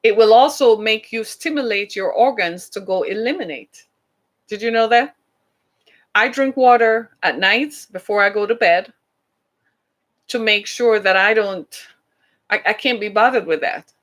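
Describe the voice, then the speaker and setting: A podcast host from the British Caribbean talks in a chatty, emphatic monologue packed with rhetorical questions. Her Caribbean-accented voice is medium in pitch, and she speaks a little slowly with long pauses.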